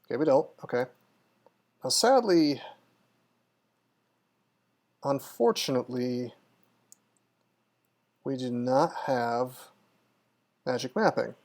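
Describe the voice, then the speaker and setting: A man giving live gameplay commentary in a casual, thinking-out-loud way. He muses over choices, hesitates with ums, and restarts sentences often. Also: medium pitch, lively intonation, takes it slowly, pauses often. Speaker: game streamer.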